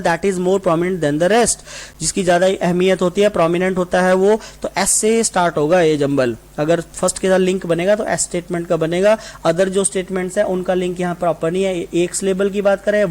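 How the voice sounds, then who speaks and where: High-voiced man teaching an exam class. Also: darkish tone. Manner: explains in Hindi mixed with English, reads answer sentences slowly. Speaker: English teacher for exam coaching. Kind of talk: online exam-prep lesson.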